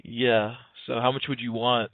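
Pretending to be earnest, a young man in his early twenties prank-calls someone, his speech casual, full of slang and hesitation. The phone line is narrow and tinny, with no room sound, and his medium-pitched voice stays flat at a normal speed.

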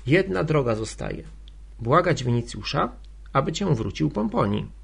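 A man's voice: medium pitch, very animated, a little slow, vocal fry, slightly rough, heavily acted. A man voicing a young freedwoman who earnestly persuades her friend, in an audiobook. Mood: persuasive. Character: young freedwoman, gentle and worldly.

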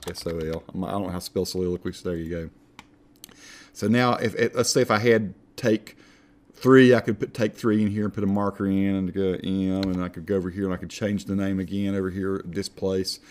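A man with an Appalachian accent giving a casual, folksy, self-deprecating software tutorial as he talks through each step. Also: low voice, fairly even intonation, brisk. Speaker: tutorial instructor.

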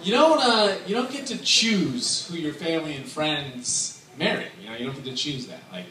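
Speaking at a moderate pace in a fairly high, animated voice, a man in his thirties delivers a casual, humorous best man's toast, laughing between lines. The setting is a big indoor wedding tent with a dance floor, and his handheld mic runs through speakers while the camera films from far away. The echoey sound is heavy with crowd noise, and guests can be heard laughing and cheering.

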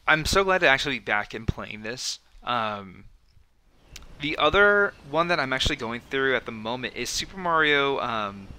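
A man's voice: medium pitch, sharp tone, a little hiss or hum. A man giving casual let's-play commentary as he plays, chatty and rambling, with lots of fillers. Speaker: gameplay commentator. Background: video game music.

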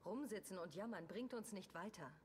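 A woman's voice: medium pitch, brisk, darkish tone, slight background noise, close to an everyday voice. An actress voicing an earnest woman survivor in a post-apocalyptic video game. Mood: determined. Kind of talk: dramatic game voice acting.

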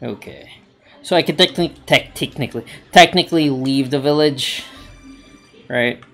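A man's voice: medium pitch, moderate pace, fairly bright tone, soft background music. A man giving rambling let's play commentary, talking to himself with many hesitations as he plays a game. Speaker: gaming channel host.

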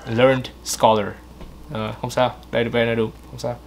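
A man, co-hosting and correcting pronunciation in a casual way, repeating words slowly to model them. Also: medium pitch, completely flat delivery, gravelly, a little hiss or hum.

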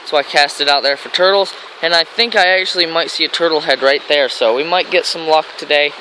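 On a grassy riverbank, an American man records a loose, enthusiastic fishing vlog with his handheld camera. His voice is on the high side, a little fast, pushed and bright. The recording quality is low, and stream and traffic noise come through.

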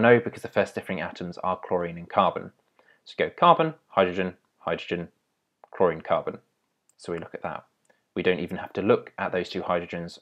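A man's voice: sits low, a bit bright. A young man teaching chemistry step by step in a patient, explaining way, with small restarts. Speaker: chemistry tutor. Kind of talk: explaining at a whiteboard.

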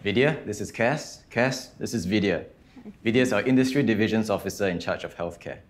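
A man in his thirties playing a calm, helpful career coach who explains things reassuringly in a screen drama. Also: fairly low pitch, fairly quick, natural voice. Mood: friendly. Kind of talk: naturalistic screen drama acting.

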